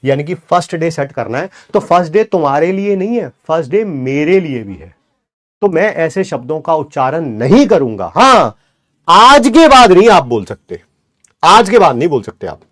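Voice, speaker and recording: A male online chemistry teacher speaks at normal speed in a highish, fairly bright, sing-song voice. While encouraging students, he mixes in English, counts aloud pointing at the board, and plays the student by answering his own questions.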